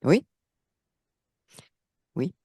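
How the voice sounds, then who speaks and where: A woman acting as the operator of a channeling session, guiding with short questions and quick affirmations. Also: dark tone, dry recording, studio quality.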